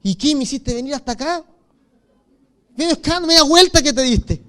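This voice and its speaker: A man voicing Jesus as a grown man gently reproaching a friend, soft and chiding. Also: extremely high pitch, animated, fairly quick, voice pushed up.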